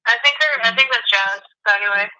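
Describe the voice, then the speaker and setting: Lady on the phone, super bright sharp voice, kinda high, short questions, muffled line. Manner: short probing questions and quick advice. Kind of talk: casual phone chat. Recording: dull phone-line sound.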